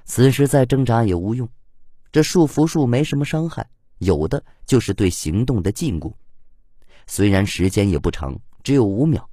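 A man narrating an audiobook in an expressive storytelling manner on a close mic. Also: medium pitch, normal speed, no room sound. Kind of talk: scripted narration.

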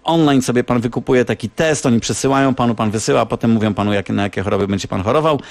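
A radio correspondent in the United States explains things at length in a phone-in radio chat, full of hesitant fillers and restarts. His medium-pitched voice is rapid-fire, a little mellow, with vocal fry, and there is no room sound.

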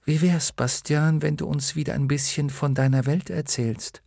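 A man putting on a bright, raised boy's voice for a loyal young storybook hero, earnest and urgent. The tone stays husky and gravelly underneath, recorded dry and close. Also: on the high side, fairly even intonation, normal speed, dry recording, voice pushed up. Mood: friendly. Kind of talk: audiobook character voice.

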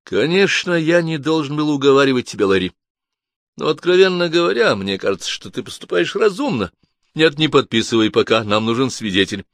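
A man reading an audiobook, voicing a calm older male lawyer who speaks politely and persuasively. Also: fairly high pitch, brisk, no echo, pitched above the performer's own voice. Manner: calm, courteous.

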